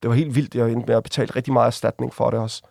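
A man, a guest on an interview, telling a personal story casually, with halting restarts and vivid acted-out quotes. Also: medium pitch, little pitch movement, creaky, darkish tone, dry recording. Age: adult. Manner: vivid, acts out quoted voices while retelling.

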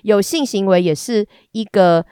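Hoarse, stuffy-nosed woman podcaster. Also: medium pitch, a little slow, dark tone, no room sound, clean studio sound. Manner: frank, bawdy and giggly, rambling. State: hoarse and congested. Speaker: podcast host. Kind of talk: casual solo podcast chat.

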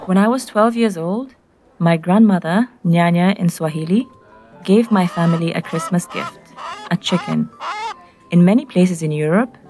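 A woman with a Kenyan accent narrates a personal story in a fairly low voice. She speaks in short, simple sentences, as a scripted storyteller would for language learners. Soft music is faintly present. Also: moderate pace. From Nairobi, Kenya.

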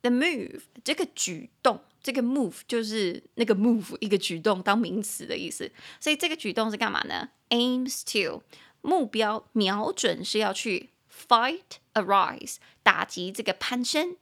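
A young woman with a Taiwanese Mandarin accent hosting a podcast English lesson, mixing Mandarin and English and slowly spelling words out letter by letter. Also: mid-range voice, lively intonation. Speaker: podcast host and English teacher.

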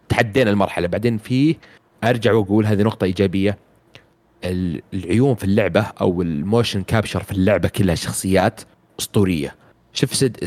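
A man's voice: on the low side, darkish tone. A man recapping a video game plot in casual chat, rambling with many fillers and restarts.

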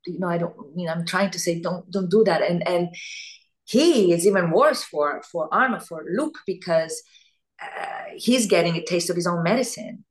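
A woman from Italy, an actress talking as an interview guest, thoughtful and animated, often searching for words. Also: lowish voice, normal speed. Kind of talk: casual interview chat.

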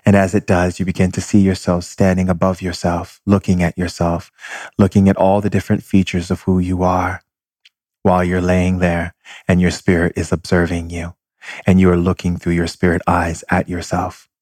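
A man leading a guided meditation with slow, calm instructions. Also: low-pitched, no echo, clean studio sound.

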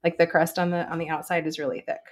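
A woman's voice: lowish voice, little pitch movement, quick pace. A woman guest on an interview show, talking in a bubbly, giggly way with many fillers. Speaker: guest author and fitness instructor. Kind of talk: casual interview.

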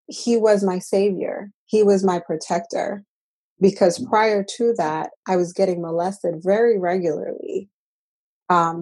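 A woman's voice: mid-range voice, dark tone, breathy edge. A woman from the Dominican Republic sharing her story as a guest in an interview, earnest and reflective, often repeating and restarting her words. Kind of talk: personal interview.

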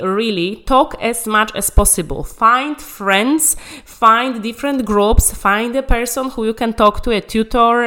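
Her voice is mid-range and a little bright as she coaches English conversation with emphasis. She grew up speaking Polish, and in this motivational language-learning talk she is encouraging and keeps coming back to key phrases.

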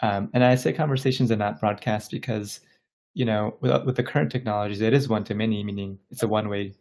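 A Bangladeshi tech company founder, appearing as a podcast guest, explains things casually and thoughtfully, often searching for words. His lowish voice is steady and a little mellow, moving at a quick pace.

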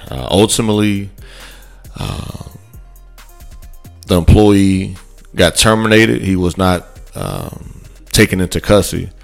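A man's voice: deep voice, vocal fry. A man hosting a sports podcast, talking loosely and conversationally with many fillers and restarts. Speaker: podcast host. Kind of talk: casual sports talk.

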